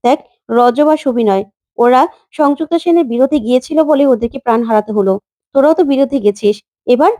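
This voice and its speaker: A woman's voice: sits high, quick pace, warm tone, no echo, clean studio sound, natural voice. Woman voicing a worried old grandfather. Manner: anxious questioning.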